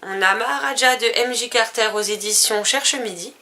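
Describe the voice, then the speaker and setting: A woman's voice: fairly high pitch, normal speed, bright, forceful tone. A woman vlogger casually listing books and publishers, with fillers and self-corrections. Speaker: book vlogger. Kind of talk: casual book haul vlog.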